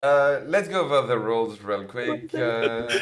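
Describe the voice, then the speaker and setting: A man hosting and moderating a live-stream panel, talking in a halting way with many pauses. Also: medium pitch, animated. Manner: halting, lots of fillers and restarts. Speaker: host and moderator.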